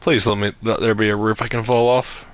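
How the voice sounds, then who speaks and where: A man's voice: fairly low pitch, flat delivery, fairly quick, slight background noise. A man doing casual gameplay commentary, talking to himself and to the game as he plays. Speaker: gamer.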